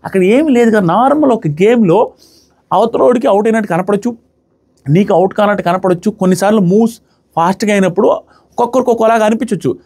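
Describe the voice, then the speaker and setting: Man, sarcastic show review, quick talker, high-pitched. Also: darkish tone. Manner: sarcastic, acts out what people said. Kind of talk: casual commentary review.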